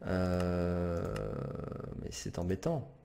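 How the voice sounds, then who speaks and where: A man's voice: deep voice, fairly even intonation, drawn-out words, gravelly, mellow, slight background noise. A man commenting as he plays a game, hesitant and chatty, with many fillers and self-corrections. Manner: apologizes for swearing, casual and chatty. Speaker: gamer commentator. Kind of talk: let's play commentary.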